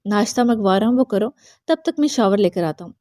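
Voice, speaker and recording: Mellow-voiced woman reading a novel aloud. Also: mid-range voice, expressive, no room sound, studio quality. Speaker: audiobook narrator. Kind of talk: novel narration with character dialogue.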